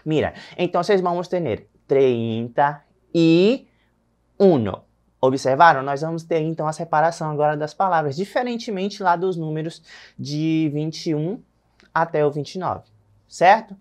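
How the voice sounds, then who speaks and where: A Brazilian male teacher leads a recorded lesson and talks straight to his viewers. He stretches each number out slowly and clearly for learners to repeat. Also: a little high. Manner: addresses viewers directly, draws out numbers slowly. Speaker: Spanish teacher.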